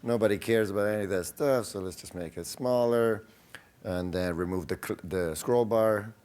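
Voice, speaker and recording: A man presenting a live product demo at a conference, his voice turned deep and demon-like by the microphone, talking casually with jokes and many fillers. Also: normal speed, a little mellow. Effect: mic makes his voice sound deep and demon-like. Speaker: conference presenter, company founder. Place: conference hall stage.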